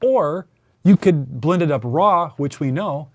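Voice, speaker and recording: A man's voice: a little high, lively intonation, measured pace, darkish tone, no room sound. Playful self-mocking man, dry sound. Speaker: co-host. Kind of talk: casual chat.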